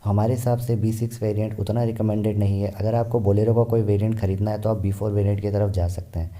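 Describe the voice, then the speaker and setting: A man's voice: lowish voice, level tone, fast, dark tone. A man explaining car variants in a car review, steadily listing features one by one.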